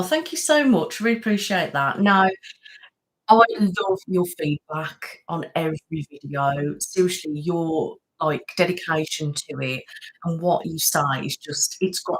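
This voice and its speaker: On poor audio, a young ASMR channel host with a low-sitting voice chats casually on a live stream. She greets and thanks viewers by name, talks about being worn out from a house move, and keeps dropping "um" and "literally."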